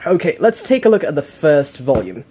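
Young male unboxing host, slightly high-pitched, casual and hesitant, thinking aloud with self-corrections. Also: sing-song, normal speed, warm tone, a little hiss or hum. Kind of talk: casual unscripted unboxing commentary. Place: living room, indoors.

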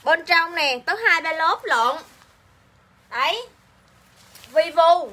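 A woman's voice: extremely high pitch, takes it slowly, pushed and bright. A woman with a Southern Vietnamese accent selling clothes on a livestream, chatting and repeating each line to coax her viewers. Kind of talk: live-sale selling chat.

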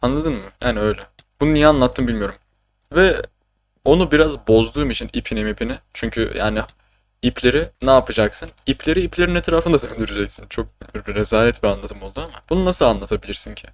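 A young man from Turkey streams a game and chats the whole time, mid-pitched and loose, cracking jokes and swearing freely. He talks in a casual, rambling way with frequent bursts of laughter. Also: lively intonation, quick pace. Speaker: gaming streamer. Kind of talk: casual gaming commentary.

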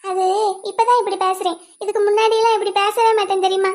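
A woman's voice: very high-pitched, flat delivery, fast, a little mellow. A woman voicing a sweet, clingy young wife in a cartoon, pleading and childlike. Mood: defiant. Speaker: cartoon voice actor. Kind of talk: cartoon voice acting.

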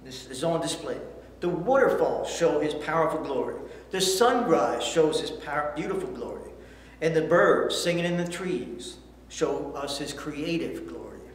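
A middle-aged man earnestly leads a children's Bible lesson, reading scripture out loud and asking questions. His fairly high voice is expressive and moves at a normal speed. The setting is an indoor church studio set with a backdrop, recorded with hall-like echo and faint hiss.

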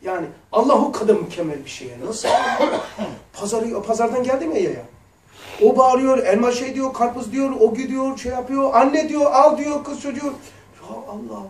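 Guy teaching a religion class, high voice, slangy and chatty, echoey room, mic far away. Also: moderate pace, slight background noise. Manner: colloquial and lively, with blunt slang asides. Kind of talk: religious lesson with casual storytelling. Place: lesson room. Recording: roomy echo, mic far off.

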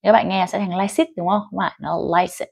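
A middle-aged Vietnamese woman teaching an English dictation lesson online, reading sentences slowly and clearly, then explaining them in Vietnamese. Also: mid-range voice, darkish tone, no room sound.

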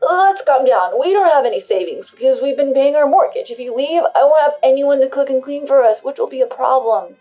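A woman voicing an entitled husband who shouts demands over the phone. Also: sits high, lively intonation, a little fast, few pauses, muffled recording, faint music behind, voice pushed up. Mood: pleading. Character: angry, entitled adult husband.

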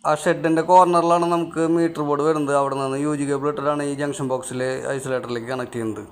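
A man's voice: fairly high pitch, fairly even intonation, fast talker. A man, an electrician hosting an on-site how-to video, explaining the job in a plain, matter-of-fact way outdoors at a house build site. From Kerala, India. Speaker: electrician and channel host.

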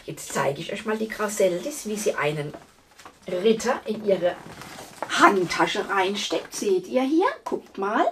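A woman reading a fairy tale aloud to children in an expressive way, talking to her listeners directly. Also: medium pitch, slow pace, distant mic, slight background noise. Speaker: storyteller.

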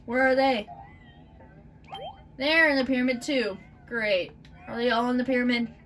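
A woman's voice: on the high side, fairly even intonation, normal speed, a bit bright. A woman hosting a let's play with casual game commentary. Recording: far from the mic, game music.

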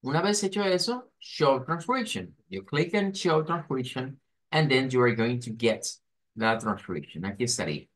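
A man teaching an online English pronunciation class, explaining in Spanish and slowly modelling English words and sentences. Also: medium pitch, a bit bright.

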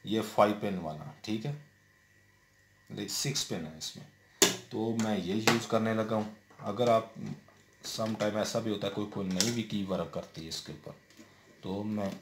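A man's voice: fairly low pitch, fairly even intonation, a little slow, pauses often. A man talking through a hands-on TV repair step by step, with frequent fillers and check-ins. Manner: explains step by step, many fillers and repeated "theek hai". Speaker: TV repair technician. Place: indoor room at a workbench. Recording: roomy echo with faint noise.

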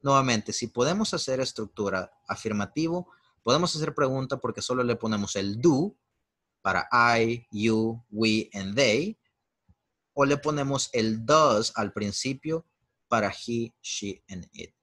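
A man's voice: mid-range voice, moderate pace, fairly bright tone. A man whose first language is Spanish, teaching English grammar as a chatty, encouraging video host. He switches between Spanish and English and drills example sentences. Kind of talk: lesson.

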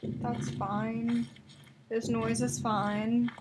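A woman's voice: fairly high pitch, level tone, extremely slow. A young woman playing a horror game, chatting casually with a friend and snapping back at her jumpily. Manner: jumpy, squealing, snappy. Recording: noisy home recording.

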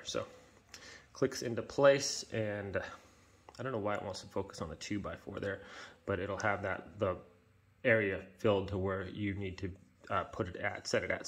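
A man with a somewhat low voice talks through a hands-on woodworking demo in an indoor workshop. He rambles, restarts and fills gaps with "um" and "uh" as he goes. The mic sits with the camera over his hands. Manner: rambling, halting, many fillers and self-corrections. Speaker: DIY woodworking channel host. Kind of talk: casual hands-on tool demonstration. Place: indoor workshop with concrete floor. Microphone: camera-mounted, hands-only point of view.

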